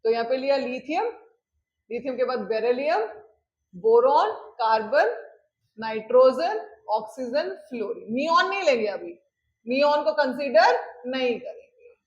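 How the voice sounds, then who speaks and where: High-voiced woman teaching chemistry. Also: lively intonation, muffled recording. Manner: checks in often with "clear?", calls students "beta"; mixes English phrases into explanations, dictates definitions slowly. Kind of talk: classroom lecture.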